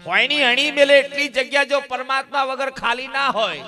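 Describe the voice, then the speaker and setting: A man's voice: very high-pitched, normal speed, soft background music. A man with a Gujarati accent preaching a folk sermon at a village religious gathering, telling stories and firing rhetorical questions at the crowd. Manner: animated, addresses crowd as "saheb" and "bap", asks rhetorical questions. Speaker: bhajan satsang preacher.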